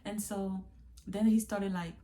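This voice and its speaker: Young woman, mellow warm tone, chatty storytime vlog, talks to viewers as y'all. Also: mid-range voice, fairly even intonation, a little slow, slight background noise. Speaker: vlogger. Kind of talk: casual storytime confession.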